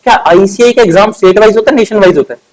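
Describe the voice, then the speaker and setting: A man's voice: sits high, rapid-fire, rough recording. A man, teaching law in a chatty lecture and asking the class questions. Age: 20s. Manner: conversational, asks rhetorical questions, stretches key words.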